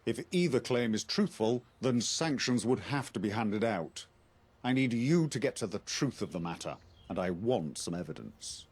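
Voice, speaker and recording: A man playing a composed knightly officer in a game, speaking formally and deliberately as he recruits and instructs. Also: fairly low pitch, lively intonation, darkish tone, husky. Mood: grave, measured. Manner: formal, measured, articulate. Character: measured Arthurian knight-officer recruiting an outsider to investigate. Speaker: quest-giving game character. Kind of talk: scripted game dialogue.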